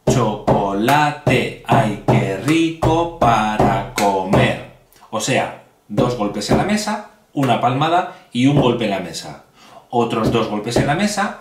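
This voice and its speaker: A man teaching a hand-clapping rhythm in a video tutorial, speaking slowly and clearly and addressing viewers directly, indoors at a table. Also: mid-range voice, distant mic, background noise. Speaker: music teacher. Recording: roomy sound with music behind.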